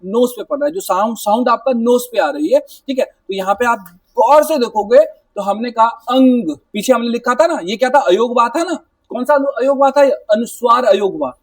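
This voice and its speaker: High-voiced male Hindi teacher, dry distant sound. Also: no echo. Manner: explanatory, repetitive, mixes English words, says "ठीक है" and "है ना" often; demonstrates sounds slowly. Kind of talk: exam-prep classroom lecture. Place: classroom.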